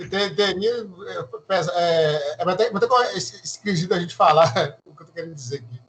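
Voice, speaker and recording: A man asking a question in a class as a student, halting and unsure, restarting his sentences. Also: sits high, fairly bright tone, rough recording. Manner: hesitant, halting with restarts and nervous laughs.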